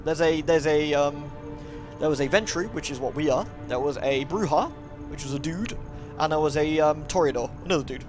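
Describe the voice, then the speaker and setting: A man streaming live reads a visual novel's narration with dramatic flair, pausing for playful, chatty comments to his viewers. His voice is a little high and a little fast, and music plays in the background.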